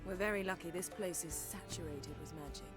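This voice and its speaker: A woman's voice: lowish voice, fairly quick, close to an everyday voice. Yennefer, a woman voicing a haughty sorceress. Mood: cool. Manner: cool, imperious and dryly sarcastic. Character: haughty, sardonic adult sorceress. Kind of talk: video game voice acting. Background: game music.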